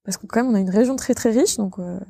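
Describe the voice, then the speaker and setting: A woman's voice: mid-range voice, fast talker, vocal fry, dark tone, dry recording, clean studio sound. A young woman from Normandy answering interview questions casually, hesitating with many fillers. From Normandy, France. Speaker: interviewed regional beauty queen.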